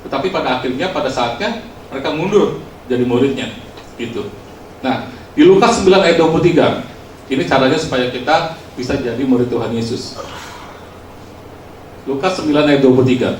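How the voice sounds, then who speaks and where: A man's voice: mid-range voice, animated, a little fast, long pauses. A man giving a casual, storytelling sermon to a youth congregation, chatty and self-mocking with lots of filler words, recorded in a church hall. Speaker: youth preacher. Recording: roomy, distant mic, faint noise.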